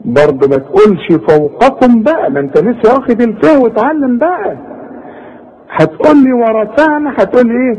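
A man's voice: very high-pitched, expressive, a little mellow, breathy edge, poor audio. A man with an Egyptian Arabic accent teaching tajweed. He talks straight to the student in a colloquial way and models the words syllable by syllable. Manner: models recitation slowly, syllable by syllable, in drawn-out demonstrations; direct, colloquial coaching aimed at the student. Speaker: Quran recitation teacher. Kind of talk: Quran tajweed lesson.

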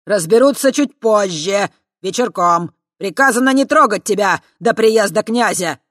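A reader voicing a pompous, gloating male spirit who guards a magic prison, loud and blustering. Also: mid-range voice, animated, a little slow, dry recording, studio quality, voice pushed up. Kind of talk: audiobook character voice.

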